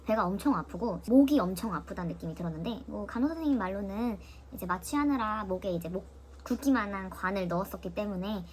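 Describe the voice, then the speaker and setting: Young woman vlogger, quick casual storyteller who imitates others, faint background hiss. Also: mid-range voice. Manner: lively, mimics voices of nurses and her sister while retelling.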